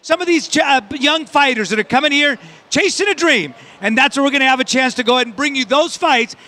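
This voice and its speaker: A man hosting a boxing broadcast with energetic sports presenting. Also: very high-pitched, quick pace.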